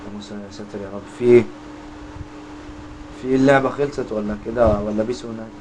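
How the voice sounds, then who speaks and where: A man's voice: on the low side, steady tone, very fast, darkish tone, a little hiss or hum. A young man with an Egyptian accent giving jokey, swear-filled, mock-scared commentary while playing a horror game. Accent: Egyptian Arabic. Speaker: gaming YouTuber.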